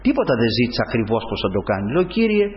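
A man preaching a sermon, telling a personal story and often calling his listeners brothers. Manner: animated storytelling, swings up in pitch. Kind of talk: sermon testimony. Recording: dull sound in a hall with long reverb.

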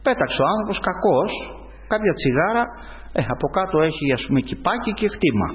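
A man preaching a sermon, telling a personal story and often calling his listeners brothers. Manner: animated storytelling, swings up in pitch. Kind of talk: sermon testimony. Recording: dull sound in a hall with long reverb.

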